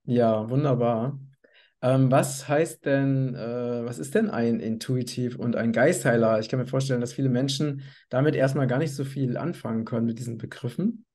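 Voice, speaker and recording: Guy hosting an interview, mellow warm voice, lots of mhm, friendly questions. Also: medium pitch, normal speed. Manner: friendly questioning with many mhm's. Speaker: podcast host.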